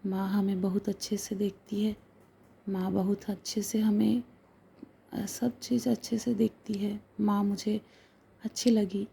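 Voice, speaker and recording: A woman's voice: medium pitch, flat delivery, a little slow, vocal fry, mellow, slight background noise. A woman voicing an earnest, hungry eight-year-old boy who pleads as he explains himself to his father in a told story.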